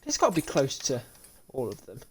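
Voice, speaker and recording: A young Brit's medium-pitched voice swoops wildly as he talks a little fast, with a fairly bright tone. He's a bit sleepy and yawning, giving loose live commentary on a car repair game, talking to himself with many restarts and laughs. Recorded via desk mic with webcam, soft music in the background.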